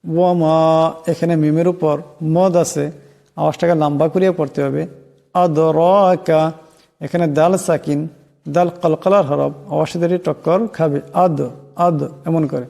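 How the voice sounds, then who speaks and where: A man teaching how to pronounce a Quran chapter, slowly explaining each letter's rules and chanting the verses drawn out. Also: fairly high pitch, steady tone, vocal fry, dark tone, long reverb tail. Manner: slow, deliberate, spells out sounds letter by letter and chants verses drawn out. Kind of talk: slow teaching of recitation and pronunciation.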